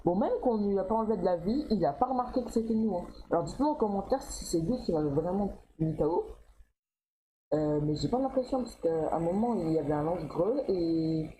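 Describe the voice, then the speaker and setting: A young man giving excited commentary over his own gameplay as a gaming YouTuber, swinging between loud yelps and low mumbling and swearing often. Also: brisk, a little hiss or hum, rough recording.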